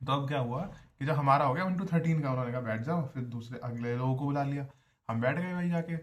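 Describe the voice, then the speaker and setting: A man's voice: medium pitch, quick pace. A young man, a college student, telling a story in a chatty, casual vlog style, often addressing listeners as brother. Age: young adult.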